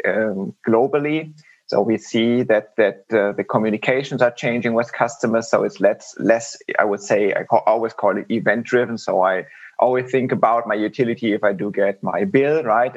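A man's voice: mid-range voice, breathy edge. A man answering interview questions as a podcast guest, talking in a conversational way with many repeated words and restarts. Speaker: podcast guest, software industry director. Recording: dull lo-fi online call audio.

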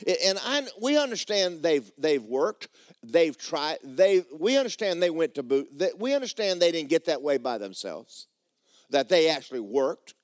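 Lively-voiced preaching pastor, dry close sound. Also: male voice, no room sound. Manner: emphatic preaching with swooping pitch and sudden shouts; slow, drawn-out phrasing, dropping low and quiet at line ends. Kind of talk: sermon. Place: church.

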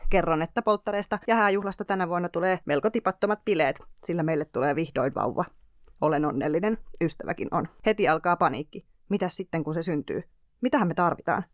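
Young woman podcaster reading her diary out slow, dry close mic. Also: deep voice, no room sound. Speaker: podcast co-host. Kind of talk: reading her diary aloud, then casual chat.

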